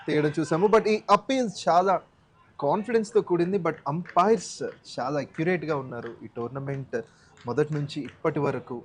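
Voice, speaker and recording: A man's voice: fairly high pitch, brisk. A man with a Telugu accent giving live cricket commentary, mixing in English phrases. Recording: crowd noise behind the voice. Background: crowd at a cricket ground.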